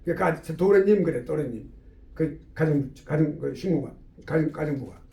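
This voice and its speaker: A man lecturing quickly in a fairly high, gravelly voice, telling an animated story. It sounds like an echoey room, with the mic some way off. His tone sits on the dark, mellow side. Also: far from the mic. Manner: animated, with acted-out dialogue. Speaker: theology professor.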